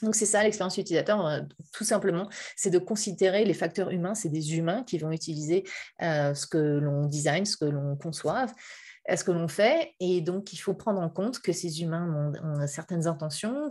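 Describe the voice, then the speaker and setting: A middle-aged woman from Paris, France, a guest speaker on game user experience, gives a public talk over a video call from her hotel room. Her voice is husky, darkish, and on the low side. She sounds hesitant, with many fillers and restarts and a few light laughs.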